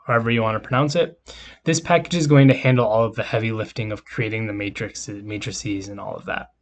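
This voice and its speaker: Man casually teaching coding over keyboard clicks. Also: mid-range voice. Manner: casual, explanatory, talks while typing code. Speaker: lecturer. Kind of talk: screen-recorded coding lecture.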